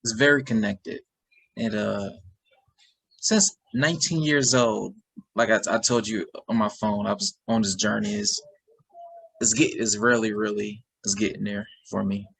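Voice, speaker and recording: A man's voice: on the low side, steady tone, a little slow, vocal fry, fairly bright tone, breathy edge, poor audio. A man hosting a podcast interview who asks eager, rambling questions and restarts his sentences. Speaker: podcast host.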